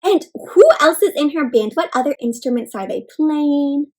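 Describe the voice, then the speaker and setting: A high-pitched woman reads a storybook at a moderate pace for young children. As the read-aloud host, she's expressive and interactive, gasping and asking encouraging questions in simple words.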